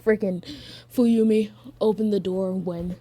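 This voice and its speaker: A woman's voice: medium pitch, steady tone, measured pace, dark tone. A woman casually telling a made-up fan story, giggling often and rambling with fillers.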